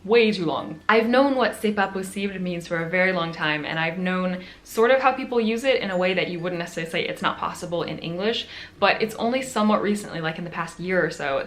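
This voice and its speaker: American girl vlogging, kinda low voice, lots of little laughs, faint hiss in the room. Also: a bit bright. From United States. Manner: chatty, laughs often, self-deprecating. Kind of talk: casual chat to camera.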